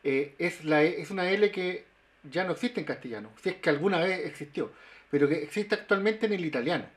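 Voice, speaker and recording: A man, a linguist explaining pronunciation in a webinar, with halting speech full of fillers and restarts. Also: fairly high pitch. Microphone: video call.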